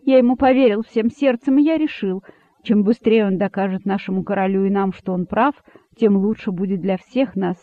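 A man's voice: high voice, normal speed, no echo. A man voicing a frightened male rabbit herald who pleads and repents, on a dry, phone-like recording. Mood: pleading. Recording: dry, phone-like narrow sound.

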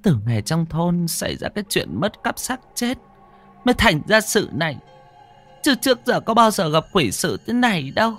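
A man's voice: sits high, big pitch swings, normal speed, fairly bright tone, soft background music, voice pushed up. A man voicing a terrified middle-aged village wife who stammers in panic, for a storybook ghost tale. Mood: panicked.

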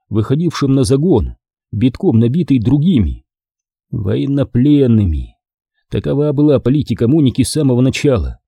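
A man narrating a horror audiobook in a measured, steady reading. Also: mid-range voice, husky, no echo, studio quality. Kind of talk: scripted narration.

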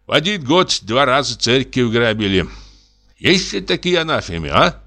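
A man's voice: mid-range voice, very animated, normal speed, bright, forceful tone, pitched above the performer's own voice, exaggerated voice. A man reading an audiobook voices a timid, pious old male forester who whines and sighs in fright. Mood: pious lament. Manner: whining, sighing, fearful.

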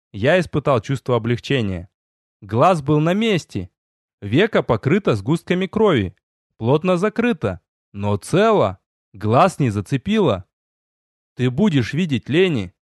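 A man narrating a first-person fantasy story in an audiobook, telling it with lively storytelling and voiced dialogue. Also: mid-range voice, moderate pace, no room sound, studio quality.

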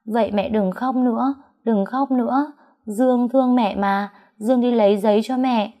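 A woman's voice: fairly even intonation, dark tone, lightly acted. A woman voicing an anxious, sweet little girl in a narrated story. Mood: pleading. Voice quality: high and childlike, slow.

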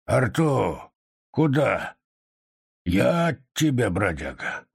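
A man doing a husky, tearful old grandfather. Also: big pitch swings, unhurried, dry recording, clean studio sound, exaggerated voice. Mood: calling, grumbling. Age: older. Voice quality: hoarse, croaky falsetto when calling. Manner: pleading, helpless, anxious. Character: frail, tearful old male street performer.

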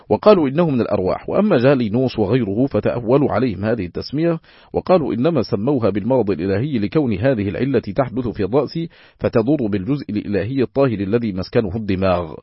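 A man reading a classical religious book aloud in a steady, formal, recitation-like manner. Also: medium pitch, breathy edge, no echo, lo-fi sound. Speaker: audiobook reader.

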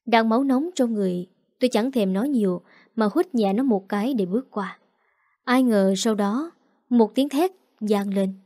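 A woman's voice: on the high side, moderate pace, mellow, dry recording, clean studio sound. A woman narrating a dramatic first-person story.

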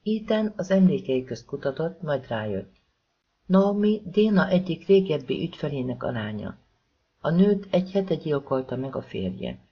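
An audiobook narrator reading a novel in a calm, even way. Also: medium pitch, slightly rough. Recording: slightly dull lo-fi recording.

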